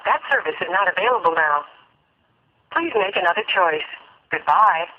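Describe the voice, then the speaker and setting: A high-pitched male voice, heard through a thin, tinny landline phone line. He delivers automated menu prompts in a flat, recorded manner. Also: moderate pace. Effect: heard over a landline phone. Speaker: automated phone system message.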